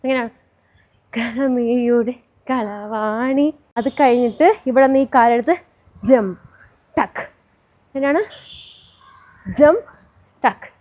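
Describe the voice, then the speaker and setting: High-voiced woman counting dance steps. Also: warm tone. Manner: counts beats aloud, sings lyric lines slowly. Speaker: dance teacher. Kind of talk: step-by-step dance tutorial.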